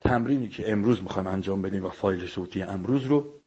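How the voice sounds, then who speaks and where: A man's voice: low voice, mellow, husky, lo-fi sound. A man teaching a voice lesson in an audio file, explaining each step in a polite, formal way. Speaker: singing and voice coach.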